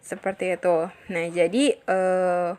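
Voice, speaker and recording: A young woman, a university student with an Indonesian accent, presents a pronunciation lesson with many hesitations, reading out English examples slowly and explaining them in her own language. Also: fairly low pitch, little pitch movement, a little mellow, clear, resonant tone. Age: young adult.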